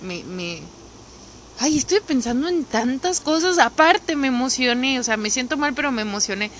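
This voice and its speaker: Mexican woman, rambling personal chat, tired and unwell, bright tense voice, faint background noise. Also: high voice, expressive, moderate pace. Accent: Mexican Spanish. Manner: rambling, candid, swears casually. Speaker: podcast host. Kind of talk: casual personal monologue.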